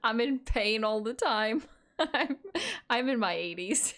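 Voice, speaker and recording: A woman's voice: a little high, animated, slow, a bit bright. A woman in her late twenties co-hosting a podcast, chatting casually with dramatic, self-mocking complaints and free swearing. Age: 20s. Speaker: podcast co-host. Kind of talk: casual chat.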